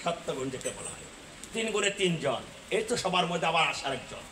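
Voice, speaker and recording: Brief: male devotional storyteller, high bright voice, preaching and quizzing, echoey venue. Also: lively intonation, fairly quick, background noise. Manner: explains and quizzes audience, bursts into shouts. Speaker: folk religious storyteller-singer. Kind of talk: devotional folk drama preaching.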